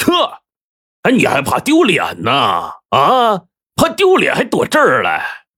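A man's voice: on the high side, huge pitch swings, slow, breathy edge, no echo, studio quality, voice pushed up, heavily acted. A man putting on a sneering thug. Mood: menacing. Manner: sneering, taunting, loud. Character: menacing bald loan-shark thug.

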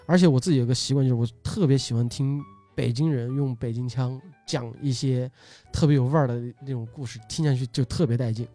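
A man's voice: medium pitch, brisk, mellow, soft background music. A man hosting a casual chat and introducing his guests in a talkative way, often repeating short phrases. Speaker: host, video uploader and magician.

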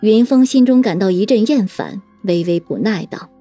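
A woman's voice: mid-range voice, expressive, moderate pace, mellow, soft background music. A woman narrating a serialized detective novel, moving between plain narration and teasing character voices. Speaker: audiobook narrator.

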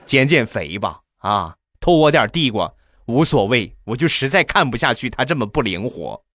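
A man voicing a grown male neighbor who slowly and mockingly complains to a father. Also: mid-range voice, big pitch swings, fairly bright tone, a little hiss or hum.

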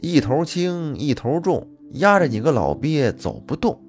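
A man's voice: on the high side, big pitch swings, unhurried, soft background music, voice pushed up. A man telling a folk story, voicing a talking cabbage spirit that chants a mocking taunt.

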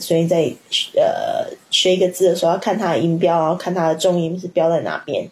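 A woman teaching an English vocabulary lesson on a livestream. She reads word lists, repeats the English terms slowly and explains how to pronounce them. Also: on the low side, darkish tone, breathy edge, poor audio.

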